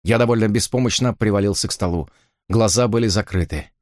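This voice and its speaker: A man's voice: lowish voice, fairly quick, a little mellow, no echo, studio quality. A man reading a first-person thriller aloud, narrating in a dramatic way. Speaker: audiobook narrator.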